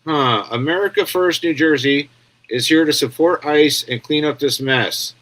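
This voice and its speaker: Male host, slightly high voice, crude sarcastic rambling commentary, keeps asking "yeah?". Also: measured pace, fairly bright tone. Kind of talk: casual commentary on clips.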